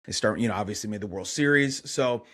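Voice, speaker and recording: Laid-back guest rambling about baseball. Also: male voice, on the low side, fast talker, fairly bright tone. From Chicago. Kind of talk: casual podcast interview.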